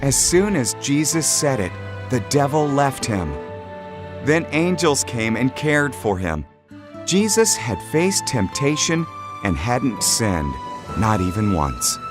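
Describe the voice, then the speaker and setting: A man reads a story slowly, his pitch rising and falling expressively. Music plays clearly under his narration. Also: sing-song.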